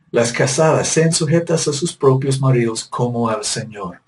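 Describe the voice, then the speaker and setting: Man, preacher, sermon, emphatic, repetitive, mid-pitched voice, distant mic. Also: darkish tone. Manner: emphatic, repetitive, rhetorical questions.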